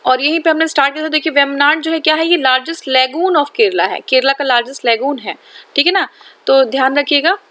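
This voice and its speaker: A woman with an Indian accent teaching an exam-prep geography lesson, reading English lines slowly and then repeating each point in Hindi with frequent check-ins. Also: high voice, sharp tone.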